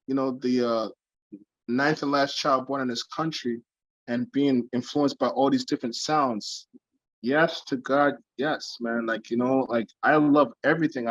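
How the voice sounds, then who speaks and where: A middle-aged man from Brooklyn, a guest singer, telling lively stories in casual chat, often repeating his words. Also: medium pitch, dry recording, muffled recording. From Brooklyn, United States. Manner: animated storyteller, repeats words, calls people man.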